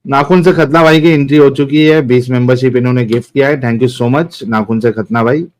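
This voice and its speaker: A man in a middle voice hosting a live online debate stream. He talks briskly and moves the callers along. He thanks his viewers as he goes. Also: medium pitch, steady tone. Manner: brisk, directing the call. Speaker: host.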